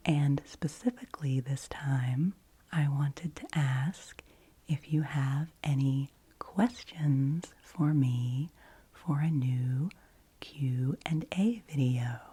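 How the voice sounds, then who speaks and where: A woman hosting an ASMR update in a breathy, hushed voice that moves between soft speaking and whispers, rambling gently and repeating phrases. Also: extremely low pitch, slow. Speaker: ASMR creator and host.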